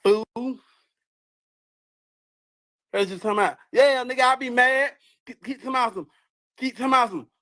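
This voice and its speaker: Angry high-voiced man ranting. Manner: heated, profane, repetitive, jumps between shouting and muttering. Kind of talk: angry rant.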